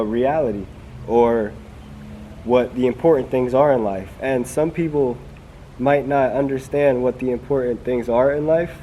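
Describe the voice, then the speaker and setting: Young man, American accent, mid-pitched voice, casual slangy interviewer, faint background noise. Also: dark tone, poor audio. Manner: informal, slangy. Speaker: grandson interviewing his grandfather. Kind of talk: casual chat.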